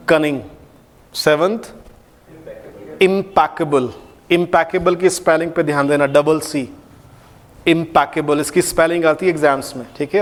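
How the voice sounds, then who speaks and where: A man teaches vocabulary in a classroom, calling out each word and repeating it so students can practise. His voice sits a little high and he speaks at an unhurried pace. The room adds a long, ringing echo behind him. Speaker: English teacher. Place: classroom with a board.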